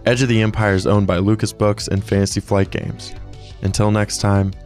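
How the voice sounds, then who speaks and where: A man's voice: on the low side, little pitch movement, moderate pace, a little mellow, faint music behind. A man narrating scenes as game master of a tabletop game and hosting the podcast. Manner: descriptive storytelling with some restarts.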